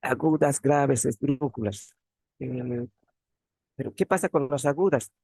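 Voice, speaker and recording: Male teaching assistant, gravelly voice, repeats terms and checks in with the class. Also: mid-range voice, measured pace, darkish tone, no room sound. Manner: repeats key words, frequent tag questions. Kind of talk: online grammar tutorial. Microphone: computer mic on a video call.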